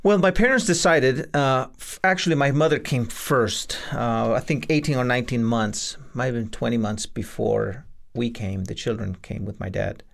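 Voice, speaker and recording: Gravelly-voiced man from El Salvador. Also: mid-range voice, moderate pace, hardly any pauses. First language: Spanish. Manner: earnest, hesitant with many fillers. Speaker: guest, lawyer and adjunct law professor. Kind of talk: reflective interview answers.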